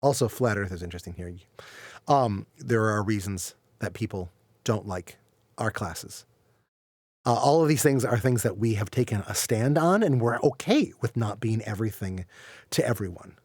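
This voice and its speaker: A man's voice: lowish voice, lively intonation, normal speed, a little mellow, dry recording, clean studio sound. A man walking through an online science course on screen in a casual, rambling way, who corrects himself and jokes as he goes. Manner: rambling, self-correcting, joking, laughs often. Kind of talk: casual screen-share walkthrough.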